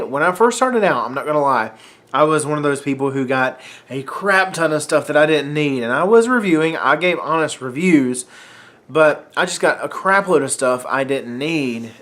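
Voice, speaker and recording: This vlogger, a young man from North Carolina, chats casually and without edits from his room at home, recorded on the camera mic as he faces it beneath a ring light. Fighting off a cold, he clears his throat now and then, and his fairly bright, medium-pitched voice wanders between topics, thick with fillers and self-interruptions.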